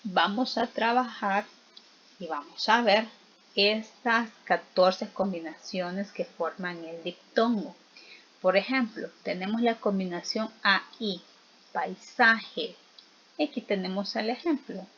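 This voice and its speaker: A woman teacher giving a recorded lesson, explaining slowly and patiently and stressing each example word. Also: medium pitch, a bit bright. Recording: slightly dull lo-fi audio.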